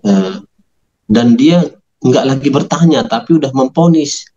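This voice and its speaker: A man telling his conversion story in an interview, animated, acting out quoted dialogue in a raised voice. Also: medium pitch, measured pace, highs cut off. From Medan, North Sumatra.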